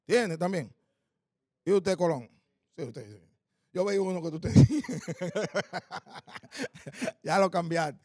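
High gravelly Dominican stand-up comic. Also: male voice, animated, takes it slowly, long pauses, darkish tone, dry recording, clean studio sound. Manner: punchy storytelling with coarse slang, quizzing the audience. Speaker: stand-up comedian. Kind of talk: stand-up comedy. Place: live comedy stage.

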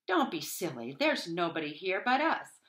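A woman's voice: on the low side, very animated, moderate pace, a bit bright. A woman voicing a huge, motherly storybook giantess who is urgent and bossy. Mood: scolding. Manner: urgent, scolding.

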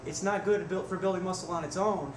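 He's a fast-talking fitness vlogger in his twenties with a high voice and fairly level intonation, swearing here and there as he strains through reps. The workout happens in a small room at home, picked up by a webcam at desk distance. Expect echo and noisy webcam audio.

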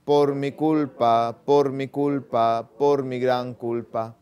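A man in his thirties, a priest leading Mass in a small chapel with slow, solemn recitation. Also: medium pitch, fairly even intonation, dark tone, lo-fi sound.

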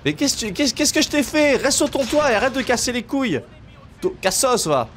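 A man's voice: extremely high pitch, big pitch swings, a little fast, fairly bright tone, a little hiss or hum. A man streaming a shooter game, joking with his chat in casual commentary, making sound effects and slipping into mock English. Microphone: gaming headset.

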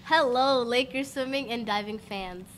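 A woman's voice: on the high side, fairly quick, a bit bright, a little hiss or hum. A teenage girl anchoring scripted school announcements, bantering and lightly wry. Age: teens.

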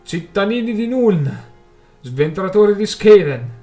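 A young male adventurer bellows a rallying speech from atop a cart, performed by a man reading a storybook aloud. His voice climbs high and loud with passion, pushing each phrase over a restless crowd. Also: sing-song, measured pace, soft background music. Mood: fiery rallying shout. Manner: loud impassioned oratory.

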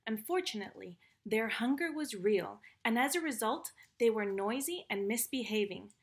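Brief: woman storyteller, children's book, gentle, fairly high. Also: expressive, normal speed. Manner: warm, gentle, affectionate.

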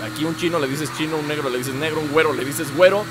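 A man with a Mexican accent chats his way through a let's play, answering the game back and going off on long explanatory asides. His voice is fairly high and steady, and he talks very fast. Loud game audio sits under him, making the background noisy.

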